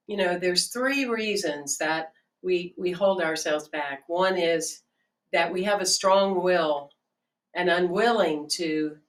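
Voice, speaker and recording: A woman minister giving a sermon in a gentle, measured, halting way. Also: fairly low pitch. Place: church sanctuary. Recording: distant mic with faint music.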